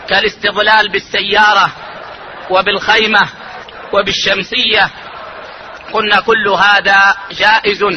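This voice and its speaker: A man who is an Islamic scholar, giving a religious lesson on jurisprudence in a measured, deliberate way and slowing down to stress key points. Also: sits high, muffled recording, background noise.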